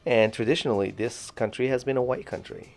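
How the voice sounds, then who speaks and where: A man from Morocco co-hosting a podcast, talking in a thoughtful, halting way with many restarts. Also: mid-range voice, steady tone, faint music behind. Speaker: podcast co-host. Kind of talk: casual discussion.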